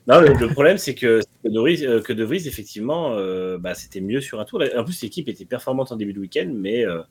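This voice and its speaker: A man giving casual motorsport analysis, measured and thinking aloud with fillers. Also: mid-range voice, expressive, breathy edge.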